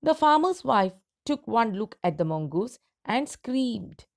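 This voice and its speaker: A woman's voice: on the high side, big pitch swings. A woman teacher reading a story aloud to her students and explaining the meaning of its words. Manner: slow, deliberate, clear reading with pauses between phrases.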